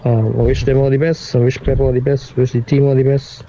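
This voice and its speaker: A man calling in with a voice note that is played back over a speaker; he talks in a measured, hesitant way with many restarts. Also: mid-range voice, level tone, dark tone. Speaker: caller sending a voice note. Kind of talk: voice message. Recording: dull lo-fi playback with faint noise.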